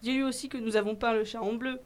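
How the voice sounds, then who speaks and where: A woman's voice: a little high, fairly even intonation, fast, lightly acted. A woman voicing a tiny, mischievous male sprite who blurts things out.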